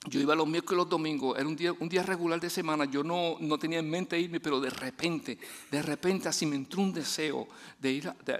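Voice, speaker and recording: A man preaching a sermon in a chatty storytelling way, laughing often, restarting his sentences and dropping soft and low for his main points. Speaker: guest preacher.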